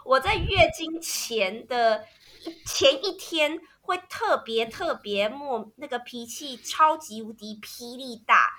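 A woman co-hosting a casual chat, telling animated stories with lots of laughter and acting out her own outbursts. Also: sits high, takes it slowly. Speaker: podcast co-host.

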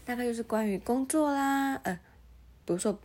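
A woman's voice: a little high, moderate pace. A woman podcast host telling stories casually and alone, with slightly slurred articulation from a mouthguard, playfully mocking herself, acting out conversations and dropping in English words. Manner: self-mocking, animated re-enacting of conversations. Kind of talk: casual solo storytelling chat.

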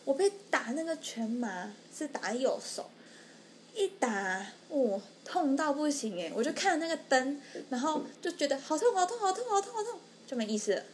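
Brief young woman, lively podcast storyteller, slightly high voice, faint hiss behind. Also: moderate pace. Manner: animated, acts out the people she quotes. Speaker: podcast co-host. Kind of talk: casual storytelling chat.

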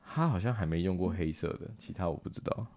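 A man from Taiwan, co-hosting a podcast and cracking deadpan jokes in casual chat. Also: sits low, fast. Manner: deadpan joking. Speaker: podcast co-host.

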